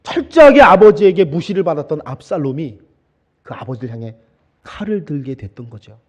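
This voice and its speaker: A pastor in his fifties delivering a sermon, moving between loud, emphatic cries and soft, hushed asides. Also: a little high, expressive, fairly quick. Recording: muffled broadcast audio.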